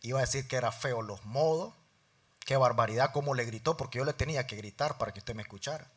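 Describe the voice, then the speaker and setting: A middle-aged lay preacher delivers a church sermon, telling a personal story and playing both sides of the dialogue. He talks fast, swinging between loud emphasis and soft, low asides.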